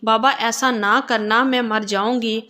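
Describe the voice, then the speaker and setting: A tearful young mother begs and sobs in a storybook tale, as a woman narrator puts her on. The voice sits a little high and pleads through tears. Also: steady tone, bright, forceful tone. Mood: pleading. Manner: pleading, sobbing delivery.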